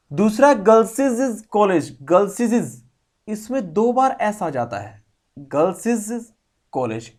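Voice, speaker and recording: A man teaching grammar in an online lesson, explaining slowly, repeating key phrases and addressing the students warmly. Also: high-pitched.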